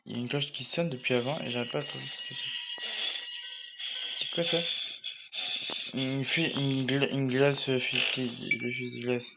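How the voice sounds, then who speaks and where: A man's voice: mid-range voice, steady tone, moderate pace, creaky, long pauses. Young man, gamer, casual let's play chatter, mumbling, swears a lot, game music behind. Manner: mumbles while eating. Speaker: gamer playing a horror game.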